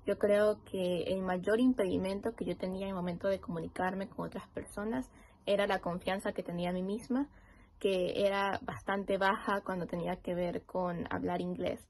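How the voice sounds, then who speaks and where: A woman's voice: medium pitch, fairly even intonation, normal speed, darkish tone, slight background noise. Reflective Venezuelan woman. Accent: Venezuelan Spanish. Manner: articulate, reflective. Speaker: interviewee. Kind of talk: reflective testimony.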